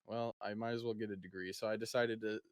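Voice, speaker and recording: An eighteen-year-old man hosting a podcast, chatting casually and often trailing off quietly. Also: on the low side, fairly even intonation, fast, dry recording, clean studio sound. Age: teens. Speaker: podcast host. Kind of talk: casual chat.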